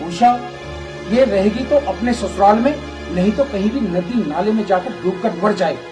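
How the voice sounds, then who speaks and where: A man's voice: high voice, moderate pace, natural voice. A man playing a stubborn father who harshly turns his married daughter away, in a devotional family melodrama. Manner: harsh, dismissive. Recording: loud background music score.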